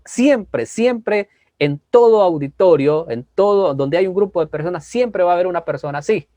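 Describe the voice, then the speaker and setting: A man teaching a homiletics class in a church, animated, often asking "¿verdad?" and moving between strong and soft delivery. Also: moderate pace, no echo. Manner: animated, tag question "¿verdad?" after many phrases; varies loudness and pitch on purpose, drops to soft asides. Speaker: preaching instructor. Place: church hall.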